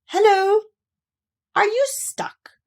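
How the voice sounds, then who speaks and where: A woman's voice: very high voice, steady tone, very slow, voice pushed up, full character voice. A woman voicing a practical, stern male storybook rabbit with a fussy, matter-of-fact manner. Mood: brisk.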